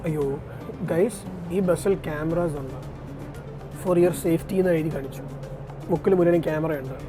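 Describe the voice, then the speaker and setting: A man with a high voice gives casual travel vlog commentary in a Malayalam accent. He drops English words and phrases into his Malayalam as he addresses viewers, with music behind him. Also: normal speed. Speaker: travel vlogger. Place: on a city bus and busy streets outdoors.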